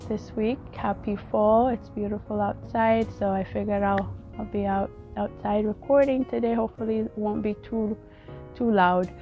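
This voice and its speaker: A woman from Ethiopia, vlogging outdoors in an earnest, halting way and often repeating her words. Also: mid-range voice, fairly even intonation, dull audio, faint music behind. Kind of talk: casual personal vlog talk.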